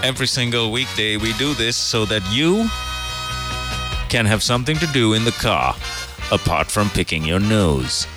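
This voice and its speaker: A man's voice: lowish voice, lively intonation, moderate pace. Jokey male radio host over music. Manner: jokey, playful, teasing. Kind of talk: casual radio chat. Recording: music playing under the voice.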